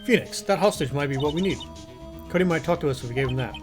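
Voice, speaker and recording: A man voicing a calm, encouraging woman lawyer who guides her younger partner, with game music playing behind him. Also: fairly high pitch, fast, natural voice. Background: video game music.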